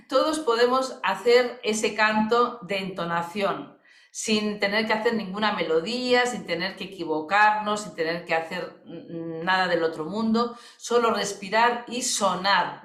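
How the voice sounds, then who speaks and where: Woman, chatty webinar talk full of fillers and tag questions, mid-pitched, echoey room over a video call. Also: a bit bright. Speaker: voice therapist. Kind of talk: webinar explanation.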